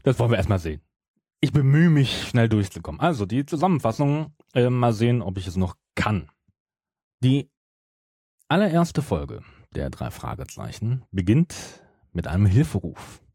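A middle-aged podcast co-host chats casually, retelling things with frequent hesitations, self-corrections, and broken-off restarts. His mid-range voice is mellow and husky, with a sing-song lilt and a moderate pace. The recording is dry and studio-clean.

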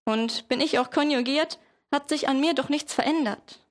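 A woman's voice: sits high, moderate pace, close to an everyday voice. A teenage woman voicing a brave verb who pleads earnestly for tolerance. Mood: pleading. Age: teens.

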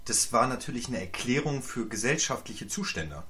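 A man's voice: mid-range voice, expressive, moderate pace, pushed and bright. A man co-hosting a podcast, talking through church history in a reflective, conversational way. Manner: reflective, conversational, uses fillers like "halt". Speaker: podcast co-host. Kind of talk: theological discussion.

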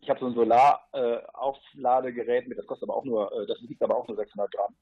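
The audio is narrow and tinny as a male podcast guest explains his long river paddling trip at a quick pace. His mid-range voice stays steady with a breathy edge, and his casual account rambles with fillers and asides.

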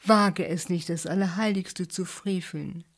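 A woman's voice: fairly low pitch, fairly even intonation, unhurried. Woman reading as an earnest eccentric physicist. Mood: alarmed. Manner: scolding, earnest. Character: eccentric reverent male physicist, easily alarmed.

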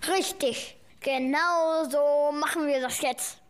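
A woman's voice: high-pitched, slow pace. A woman playing a bossy, eager child hero in a children's radio play. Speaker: child hero who flies the helicopter.

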